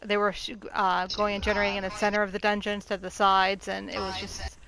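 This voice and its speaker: A woman in casual gaming chat, explaining things to a teammate in an easygoing, halting, loosely worded way. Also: mid-range voice, monotone. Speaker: video game player chatting with a teammate. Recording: clearly noisy game stream voice chat.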